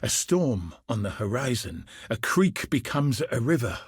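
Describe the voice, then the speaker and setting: This scripted video game dialogue features a grim, battle-seasoned soldier commander who hunts cosmic threats, his husky voice at an ordinary male pitch. He sounds concerned and grave, speaking with solemn, earnest, duty-bound resolve, very animated yet a little slow. It is a full character voice recorded very dry.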